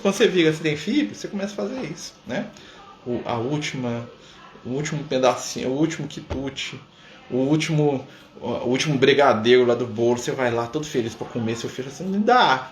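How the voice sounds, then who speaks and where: A man's voice: a little high, roomy sound. A Brazilian man leading a live-streamed spiritist study talk, conversational, often tagging his sentences with a questioning "né?". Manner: conversational, fills pauses with a questioning "né?". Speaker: spiritist study group leader. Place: room at a community center.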